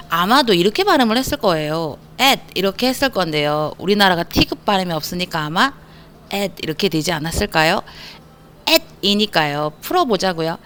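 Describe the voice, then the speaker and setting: A woman with an animated, sing-song delivery teaches English words to children, her pitch leaping up for jokes and mock surprise. She speaks at a middling pitch with a playful, self-mocking energy, and she slows almost to a crawl whenever she spells letters out. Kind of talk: online vocabulary lesson.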